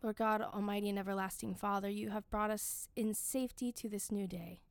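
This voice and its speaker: Woman leading prayers, creaky, dry sound. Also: mid-range voice, steady tone, no echo. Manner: measured, solemn recitation in short phrases. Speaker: worship leader reading the daily office. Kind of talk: liturgical prayer and scripture reading.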